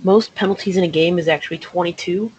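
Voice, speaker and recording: Male stats guy, flat husky delivery, slightly high, lo-fi mic. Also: quick pace, no room sound. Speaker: stats man. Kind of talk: reading out statistics.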